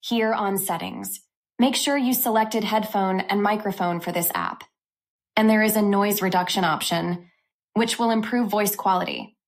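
A woman hosting a tech channel, walking through a software review step by step in an upbeat way. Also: mid-range voice, moderate pace.

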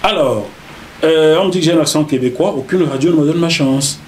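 A middle-aged man with a Cameroonian French accent tells his story in a casual interview. His voice sits a little high for a man, and he stays lively throughout. Faint hiss runs under the recording. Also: a little fast. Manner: animated, repeats words while telling a story. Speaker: interview guest, journalist.

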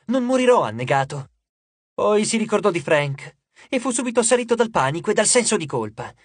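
A man narrating an audiobook with dramatic, expressive delivery and character voices. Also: quick pace, husky, dry recording. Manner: dramatic, shifts pitch and loudness for characters.

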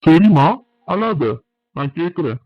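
Fatherly old father-in-law in a cartoon, kinda high voice, muffled dull sound. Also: expressive, measured pace, no echo. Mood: soothing. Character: older father-in-law, kind but firm. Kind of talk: cartoon voice acting.

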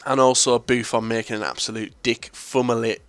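A man's voice: mid-range voice, level tone, fairly quick, clean tone, no room sound. Joking Northern English young man. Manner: crude, joking, profane banter. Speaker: gaming YouTuber. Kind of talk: casual gameplay commentary.

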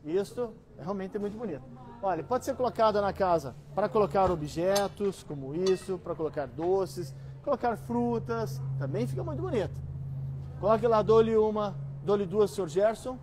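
A middle-aged man with a Brazilian accent working as an auctioneer, coaxing higher bids with repeated calls and pitching items to buyers. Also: darkish tone. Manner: repetitive, coaxing bid-calling. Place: large busy antiques store hall, indoors.

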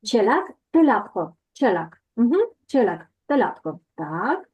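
A woman teaching a language lesson over a video call, patiently repeating words slowly to correct pronunciation. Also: mid-range voice, big pitch swings, a little mellow, husky.

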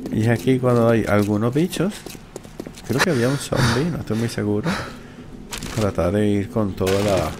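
A man's voice: lowish voice, moderate pace, noisy background. A man giving casual gameplay commentary, talking to himself as he plays. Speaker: gamer, let's play host.

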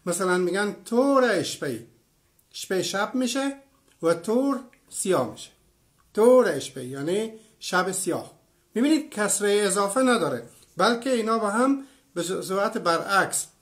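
Man in his fifties, from Iran, high voice, lecturer, explanatory, lots of examples, answers viewer comments. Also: animated. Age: 50s. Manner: explanatory, gives many examples. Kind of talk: online lecture with live chat.

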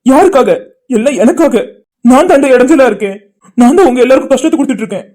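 A woman's voice: high-pitched, animated, fast, dark tone. A woman doing a despairing young cartoon man. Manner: anguished, pleading speech. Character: heartbroken young man, despairing and guilt-ridden.

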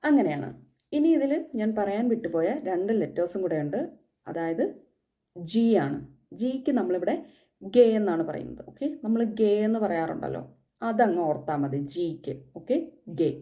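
A woman's voice: fairly low pitch, lively intonation, moderate pace, warm tone. A woman from Kerala teaching the German alphabet in a casual spoken lesson, patiently repeating each letter.

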